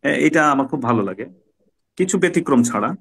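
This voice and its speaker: A man with a Bangladeshi accent teaching a soft skills class, quizzing his students and acting out examples as he goes. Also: medium pitch, lively intonation, a little fast, creaky, breathy edge. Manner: teacherly, asks the class questions and acts out examples. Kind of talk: classroom lecture.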